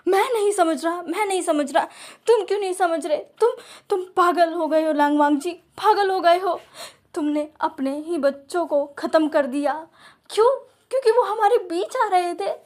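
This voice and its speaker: A woman voicing a heartbroken young man who accuses loudly while crying. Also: very high-pitched, normal speed. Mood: furious, tearful. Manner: accusing, loud and tearful.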